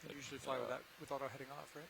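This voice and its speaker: Rapid-talking man on the nav desk. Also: mid-range voice, flat delivery, vocal fry, crowd noise, poor audio. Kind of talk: technical radio chatter.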